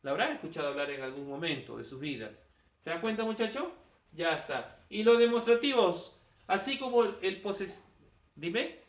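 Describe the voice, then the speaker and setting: Man, teacher, classroom lesson, high voice, echoey room heard from a distance. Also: lively intonation, moderate pace. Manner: quizzing students with rhetorical questions.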